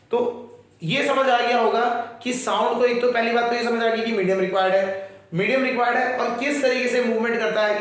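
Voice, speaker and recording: A man's voice: high-pitched, fairly bright tone. A man teaching a science class, explaining patiently and often checking whether his students follow, with terms. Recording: very echoey room.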